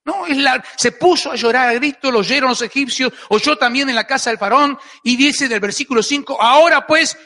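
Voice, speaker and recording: Argentine male pastor, emphatic and repetitive preaching, high, forceful voice, long church reverb. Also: a little fast, few pauses. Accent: Argentine Spanish. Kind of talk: sermon. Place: church hall. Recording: echoey church hall.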